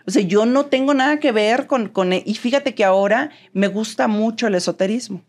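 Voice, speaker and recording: Her voice is on the high side and fairly quick. She's a Mexican interview guest with a neutral Mexican Spanish accent who tells her story in a lively way, acting out the lines people said.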